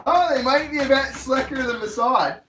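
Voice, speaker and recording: A man's voice: very high-pitched, normal speed, music in the background, low-quality recording. A man casually hosting a cooking stream, explaining each step as he goes in an easygoing, rambling way.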